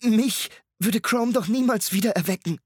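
A man's voice: high voice, moderate pace, breathy edge, no room sound, studio quality, pitched above the performer's own voice. A man voicing a defiant young woman in an audiobook, speaking tersely. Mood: urgent defiant. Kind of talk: audiobook reading.

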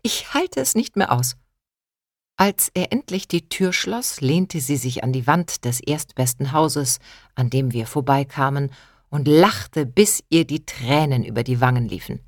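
A woman narrating a first-person story in audiobook style, with expressive delivery. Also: very deep voice, measured pace, dry recording, studio quality.

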